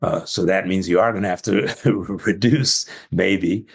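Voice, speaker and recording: An older man with a low, gravelly voice speaks with a husky edge. He is a doctor telling stories in a casual podcast chat and laughs often as he goes. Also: steady tone, measured pace. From Jamaican family, trained in Atlanta. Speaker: physician guest. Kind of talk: casual interview talk.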